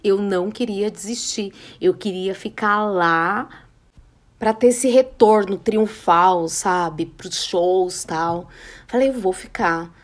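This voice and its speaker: Animated Brazilian woman telling a story. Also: medium pitch, takes it slowly. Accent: Brazilian, São Paulo area. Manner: animated, acts out quoted dialogue. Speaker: podcast host. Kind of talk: casual storytelling podcast.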